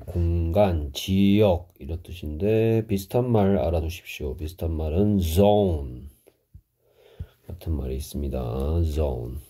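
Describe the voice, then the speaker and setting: Male English teacher, middle-aged, deep, dark, husky tone, slow patient explanations. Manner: slow, explanatory, with Korean glosses of English words. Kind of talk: vocabulary lesson.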